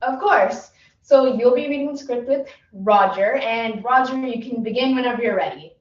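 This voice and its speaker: A woman's voice: on the high side, normal speed, muffled recording, lightly acted. A young woman performing a prim, impatient casting director who gives clipped, dry instructions, heard in an echoey room from a distant mic. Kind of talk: competitive humorous interpretation.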